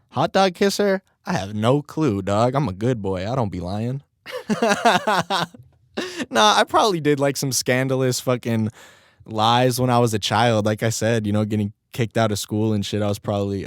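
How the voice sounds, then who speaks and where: A young man, a rapper, hosts his own podcast solo, rambling casually, swearing and laughing at himself. His mid-range, expressive voice moves at a normal speed and is still recovering, so it sounds slightly strained. The studio recording is clean with no echo.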